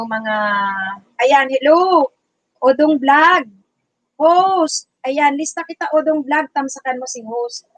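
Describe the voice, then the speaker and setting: A teacher from the Bicol region hosting a casual livestream, loudly chatting and greeting viewers by name. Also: female voice, sits high, no room sound, poor audio. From Bicol region, Philippines.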